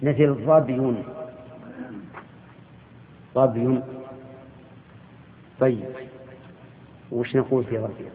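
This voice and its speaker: A man teaching a grammar lesson. He quizzes his students slowly and deliberately. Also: medium pitch, fairly even intonation, slight background noise. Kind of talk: classroom lesson with questions to students. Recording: tinny lo-fi audio in a reverberant hall.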